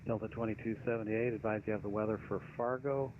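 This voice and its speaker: A male air traffic controller gives procedural radio instructions in a lowish, flat voice. The radio channel is dull and clearly noisy. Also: fast. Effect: aviation radio.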